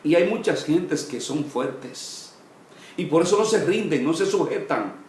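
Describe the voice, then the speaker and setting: A man, a pastor, teaching a Bible study sermon in short phrases, with pauses and "eh" fillers, each phrase trailing off low and soft. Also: expressive, echoey room, a little hiss or hum.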